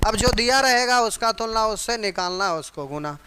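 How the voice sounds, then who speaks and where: A man's voice: high-pitched, lively intonation, normal speed, noisy background. A man teaching an exam-prep math lesson, drilling fractions and percentages aloud and calling his students dear ones.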